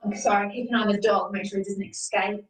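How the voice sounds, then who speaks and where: A young fitness instructor with a mid-range voice and fairly even intonation cues each move quickly and encouragingly, teaching a live exercise class from home. The video call audio from her laptop or phone camera sounds roomy and distant.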